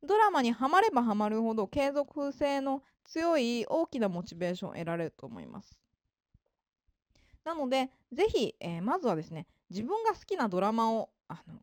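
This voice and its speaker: A woman giving an informal spoken lesson of study advice, polite in manner, with frequent fillers and emphatic pauses. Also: a little high, big pitch swings, a little mellow, no room sound, clean studio sound. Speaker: English-learning advisor.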